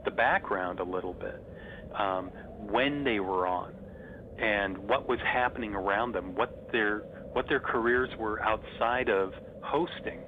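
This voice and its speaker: A middle-aged man reminisces like an enthusiastic fan in a casual interview. His voice is a little on the low side and comes over a thin, phone-like connection with clear noise behind it. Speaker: interview guest, horror host. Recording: noisy, thin phone-like line.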